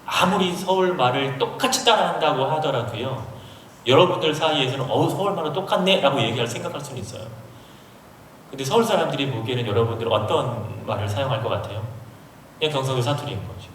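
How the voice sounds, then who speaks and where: Speaking fast with lively intonation, a man from Seoul preaches as a pastor, explaining a passage and putting questions to the crowd. His medium-pitched voice has a fairly bright tone. He's captured from afar in the echoey hall of a large university auditorium, with slight background noise.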